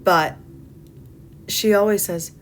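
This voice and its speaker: A woman's voice: medium pitch, fairly even intonation, slow pace, slight background noise. A young woman casually narrating her makeup tutorial, rambling with frequent ums and poking fun at herself. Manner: chatty, rambling, many ums; self-deprecating humor. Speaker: beauty vlogger.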